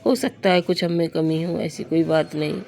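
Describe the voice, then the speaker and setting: A young woman with a hoarse, sore throat, chatting confidingly to her viewers in a casual vlog. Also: sits low, steady tone, normal speed, darkish tone. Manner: confiding, addresses viewers as friends. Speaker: vlogger. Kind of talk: casual everyday vlog narration.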